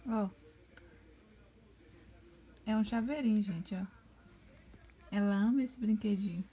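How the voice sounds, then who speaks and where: In a casual home video, a woman with a Brazilian Portuguese accent chats slowly and warmly with a breathy edge, pointing things out. She slips into high baby talk when addressing her pet bird.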